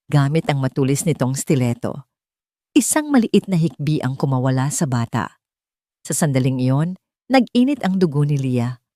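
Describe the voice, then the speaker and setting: With a deep, darkish voice and a Filipino accent, a woman narrates a scripted dramatic story for an audiobook. The recording is dry and of studio quality.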